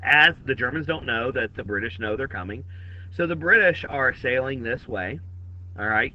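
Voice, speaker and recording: A man's voice: on the high side, slight background noise. Male teacher, chatty classroom lecture, slightly muffled recording. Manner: conversational, addresses students directly. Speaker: history teacher.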